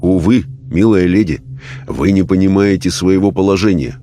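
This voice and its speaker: A man voicing a calm, patient male rescuer of spirits who speaks gently. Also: sits low, moderate pace, close to an everyday voice.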